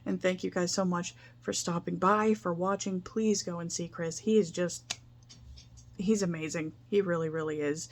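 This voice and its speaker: A young woman speaks straight to her viewers in an earnest, rambling vlog, circling back on herself. Her voice sits a little low for a woman, and she is open and emotional. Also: fairly even intonation, normal speed, a little hiss or hum. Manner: earnest, rambling, emotional, with frequent restarts and laughs. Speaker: vlogger. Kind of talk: casual heartfelt vlog talk.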